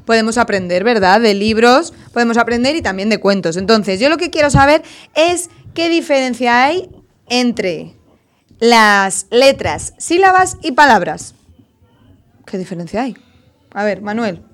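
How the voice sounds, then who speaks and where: A woman's voice: on the high side, normal speed. A woman teacher leading a classroom lesson with young children, asking questions patiently and repeating their answers.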